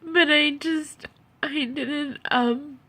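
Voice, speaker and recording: A tearful, upset woman who sounds as if she has been crying, giving a halting personal monologue in which she repeats her phrases. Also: high voice, fairly even intonation, bright, forceful tone. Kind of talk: personal video monologue about own experiences.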